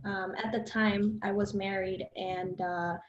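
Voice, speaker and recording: A woman's voice: mid-range voice, little pitch movement, a little hiss or hum. A woman in her twenties from Colombia, a podcast guest talking earnestly and casually about her work. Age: 20s. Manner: earnest, quick phrases with fillers. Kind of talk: casual interview chat. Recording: roomy, dull lo-fi sound.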